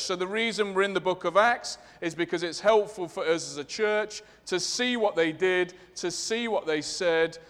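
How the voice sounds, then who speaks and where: High-voiced Leicester-accented man preaching. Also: fairly bright tone, smooth. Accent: English East Midlands, Leicester. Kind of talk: sermon. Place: large reverberant room, preaching to a congregation. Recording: long reverberant hall sound.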